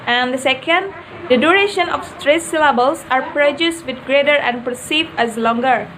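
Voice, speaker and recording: A woman's voice: high voice, moderate pace, a bit bright, slight background noise, rough recording. A young woman student giving a class presentation on word stress, hesitating with frequent fillers; her first language is Indonesian. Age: young adult.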